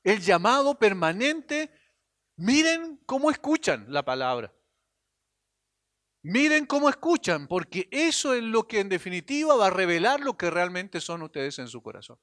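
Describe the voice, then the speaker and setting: A man preaching a sermon as a pastor, earnest, swinging between emphatic lines and hushed drops, sometimes repeating and restarting phrases. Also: high voice, big pitch swings, moderate pace, dry recording, clean studio sound.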